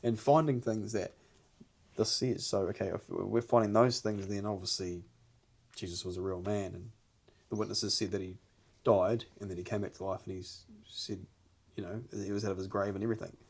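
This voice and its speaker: A man's voice: fairly low pitch, steady tone, normal speed, creaky, darkish tone. A man with a broad New Zealand accent chatting casually and earnestly on a podcast, rambling a little and using plenty of slang. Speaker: podcast host.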